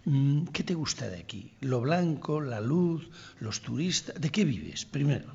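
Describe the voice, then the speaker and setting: A man's voice: medium pitch, big pitch swings, vocal fry, darkish tone, breathy edge, muffled recording. An older man on a talk panel, speaking reflectively and telling anecdotes. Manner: reflective storyteller, pauses and restarts. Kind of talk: casual conversation.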